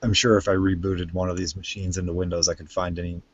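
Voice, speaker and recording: Husky, low-voiced man rambling on a stream. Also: flat delivery, highs cut off. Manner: rambling, halting, many restarts and fillers. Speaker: stream co-host. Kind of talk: casual chat. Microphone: home computer mic.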